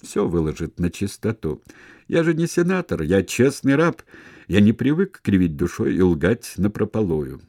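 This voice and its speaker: A man's voice: lowish voice, sing-song, normal speed, no room sound, clean studio sound. A man putting on a merry, mocking slave in a storybook. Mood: taunting. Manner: loud, merry, taunting. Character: cheeky jolly male slave, mocking and boastful.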